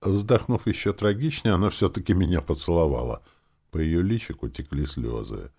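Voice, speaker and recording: A man reading a first-person fantasy audiobook in an expressive, wry storytelling manner. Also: low-pitched, moderate pace, husky. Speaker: audiobook narrator.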